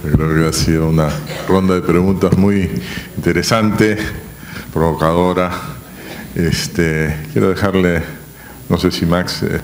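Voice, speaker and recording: Very deep-voiced man moderating a panel. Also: steady tone, measured pace, slight background noise. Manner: brief, procedural, hesitant fillers.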